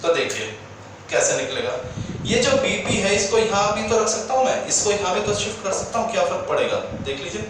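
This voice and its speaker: A man's voice: high-pitched, very animated, fairly quick, background noise. A man teaching physics in a lecture style, coaxing and often checking whether the students have understood. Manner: coaxing, keeps asking if students follow, calls them dear children. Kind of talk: classroom lecture. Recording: echoey room, voice from a distance.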